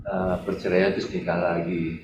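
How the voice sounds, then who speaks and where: A man's voice: deep voice, flat delivery, moderate pace, roomy sound, background noise. A man hosting a talk show, affirming his guests with frequent short agreements and drawing out lessons. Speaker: host.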